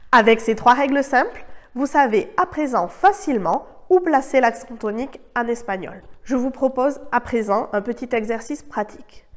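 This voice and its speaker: A woman whose first language is French, giving a scripted online Spanish lesson in a clear, measured way and modeling the words. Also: fairly high pitch. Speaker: Spanish teacher.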